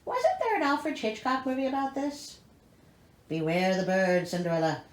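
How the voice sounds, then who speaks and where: With a high voice and wildly swooping pitch, the woman reads a fairy tale at normal speed, her performance theatrical and punctuated by sarcastic comic asides. Slight background noise and a roomy echo fill the recording.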